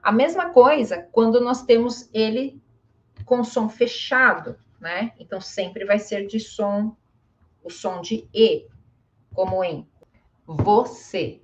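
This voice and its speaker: A woman teacher talks through a pronunciation lesson at an unhurried pace, drawing out each example word. She checks in with her listeners after almost every point. The audio is a little dull and lo-fi. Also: fairly high pitch. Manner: patient, drawn-out examples, frequent "né?". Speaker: Portuguese teacher. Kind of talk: casual lesson to learners.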